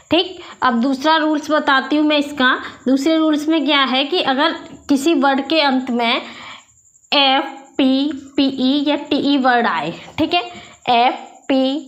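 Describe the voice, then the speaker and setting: A woman's voice: sits high, a bit bright. A woman teaching English pronunciation with a Hindi accent, patiently explaining rules and repeating questions to the class.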